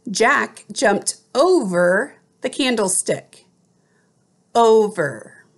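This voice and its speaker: A middle-aged woman teacher giving a slow school spelling dictation, enunciating deliberately word by word. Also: a little high, expressive. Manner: deliberate enunciation, word repeated after an example sentence. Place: small room at home, indoors.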